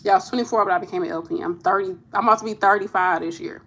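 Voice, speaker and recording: A woman's voice: medium pitch, steady tone, rapid-fire, a bit bright, slightly rough. A woman in her thirties, a nurse hosting a casual live chat with viewers, talking candidly and laughing easily. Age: 30s. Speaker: nurse and channel host.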